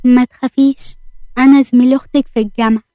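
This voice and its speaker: A woman with an Egyptian accent, voicing a calm, reassuring young man in a narrated audio story. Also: high voice, fast, no echo, natural voice. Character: young man, remorseful and gentle.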